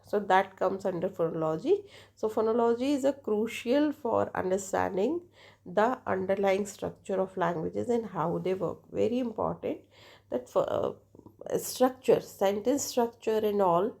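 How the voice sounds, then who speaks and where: A woman giving a classroom lecture, halting with many fillers and restarts. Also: mid-range voice, vocal fry, dark tone.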